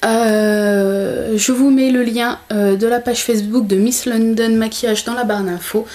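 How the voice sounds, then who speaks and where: A woman's voice: a little high, fairly even intonation, measured pace, a little mellow. A young woman chatting casually in a makeup haul vlog at home by a window, with many hesitations. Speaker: beauty vlogger.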